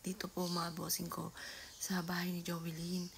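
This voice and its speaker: A middle-aged woman with a fairly low voice tells a casual vlog story at home. She talks softly, often close to a whisper, and now and then breaks into loud calls. Clear background noise from the room is heard behind her. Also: monotone, moderate pace. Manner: soft-spoken, often half-whispered, bursting into loud calls. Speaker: vlogger. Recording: noisy home ambience.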